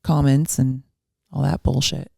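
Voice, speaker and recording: A woman in her fifties with a low voice talks casually as a podcast co-host. She jokes at her own expense and laughs easily, and her voice sounds dry and close. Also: little pitch movement, a little slow, gravelly, darkish tone, no echo. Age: 50s. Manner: joking, self-mocking, laughs often. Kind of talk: casual chat.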